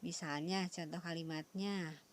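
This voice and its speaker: A woman's voice: on the low side, fairly even intonation, a little slow. A primary school teacher, a woman, giving a recorded lesson to young children and patiently checking in with them as she explains. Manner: patient, addresses the children with tag questions.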